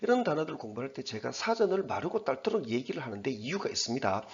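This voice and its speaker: A middle-aged man teaching English, explaining slowly and patiently with many fillers and spelling words out letter by letter. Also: medium pitch, sing-song. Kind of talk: lecture on English grammar and vocabulary. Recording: dull lo-fi recording.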